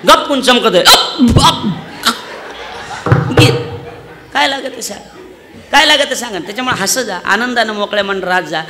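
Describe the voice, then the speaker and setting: A man preaching a comic devotional sermon on stage, loudly acting out the voices of villagers in his stories. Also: high voice, fairly quick, noisy background. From Maharashtra, India. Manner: loud, animated storytelling, acting out villagers' voices. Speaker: kirtan preacher.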